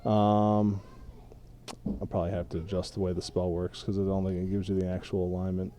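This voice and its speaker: A man's voice: low voice, flat delivery, a little fast, background noise. A man running a tabletop game as game master, patiently explaining the rules to his players.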